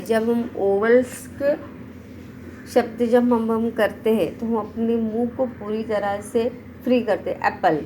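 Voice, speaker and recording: Slow-paced woman teaching words. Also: fairly high pitch, darkish tone, a little hiss or hum, low-quality recording. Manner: reads word lists aloud one by one, explaining in between. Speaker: English teacher. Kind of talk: slow online vocabulary lesson.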